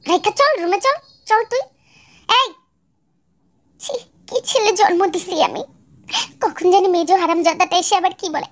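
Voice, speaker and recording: A woman voicing a bossy, nagging older mother-in-law who scolds harshly, in a fan-dub drama. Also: very high voice.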